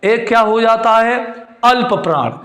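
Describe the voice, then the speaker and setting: A man's voice: extremely high pitch, lively intonation, a little slow, fairly bright tone, roomy sound. A male teacher, giving a classroom lecture. He repeats his points, quizzes his students and calls them his kids. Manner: calls students "beti" and "chhote" fondly. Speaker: Hindi grammar teacher.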